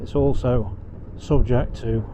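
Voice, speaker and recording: A man gives casual, chatty, unhurried travel commentary like a tour guide while riding a motorcycle, his voice enclosed in a helmet. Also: medium pitch, fairly even intonation. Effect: muffled inside a motorcycle helmet. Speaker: motorcycle vlogger giving a ride tour. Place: outdoors, riding a motorcycle on country roads. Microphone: microphone inside a helmet. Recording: dull helmet-mic sound with engine and wind noise. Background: motorcycle engine and road noise.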